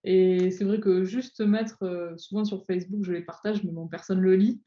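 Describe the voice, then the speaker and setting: Guest chronicler: French woman, mid pitch, easygoing, muffled lo-fi sound. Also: normal speed. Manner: relaxed, easygoing, laughs softly. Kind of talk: casual chat.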